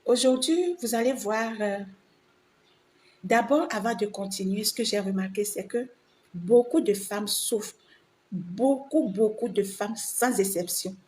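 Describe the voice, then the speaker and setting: Noticeable ambient noise sits behind this vlogger, a woman speaking French though it isn't her first language. With a medium-pitched, darkish voice and measured pace, she addresses other women in an informal, emphatic monologue, repeating phrases to drive her opinions home.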